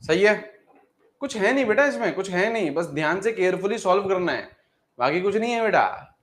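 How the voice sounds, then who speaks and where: A man teaching a live online chemistry class, who repeats each phrase, calls the students "beta" and dictates notes slowly. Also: sits high, animated.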